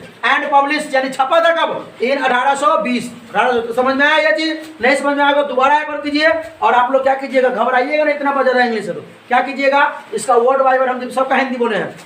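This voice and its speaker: A very high, slightly bright male voice explains a poem in a classroom lecture recorded in an echoey room. The teacher asks questions only to answer them himself, going over each point twice.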